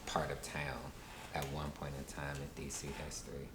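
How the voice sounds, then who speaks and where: A man in his thirties from Washington, D.C., being interviewed, talking unhurriedly with many pauses and fillers. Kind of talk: casual recorded interview. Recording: roomy, with steady low rumble.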